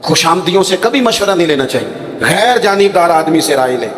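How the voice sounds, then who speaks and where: A man's voice: fairly high pitch, animated, a bit bright. A man, preaching a sermon and telling stories with acted dialogue. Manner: storytelling with dramatic acted quotes. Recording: echoey hall with long reverb.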